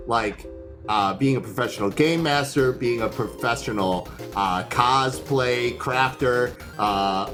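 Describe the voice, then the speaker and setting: A man hosts a livestream, chatting in a loose, easygoing way full of fillers and restarts. His voice is medium-pitched and a bit bright.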